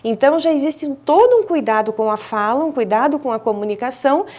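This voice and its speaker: A woman with a Brazilian Portuguese accent speaks as a guest expert on a studio talk show, her voice sitting a little high. She explains things in a teacherly way, stopping on small hesitant fillers and starting phrases over as she goes. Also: expressive, fast, a little mellow. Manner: didactic, with frequent hesitant fillers and restarts. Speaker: speech therapist and professor, interview guest. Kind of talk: explanatory interview answers. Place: television studio.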